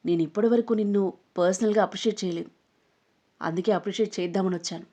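A woman voicing an arrogant, threatening young man in an audio story, speaking low and mocking. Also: fast, dark tone, natural voice. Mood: menacing. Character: menacing arrogant young man, a rich bully. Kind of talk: storybook narration.

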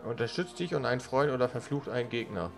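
Ein Mann kommentiert als Let's Player locker und beiläufig ein Spiel. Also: male voice, medium pitch, animated, fast, gravelly. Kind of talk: casual gaming commentary. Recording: faint game music behind. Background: video game music.

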